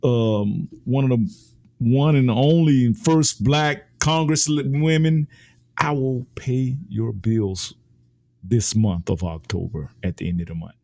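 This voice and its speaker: Speaking slowly in a mid-range, darkish voice, an American man offers emphatic, opinionated takes on politics. He repeats phrases to drive his points home.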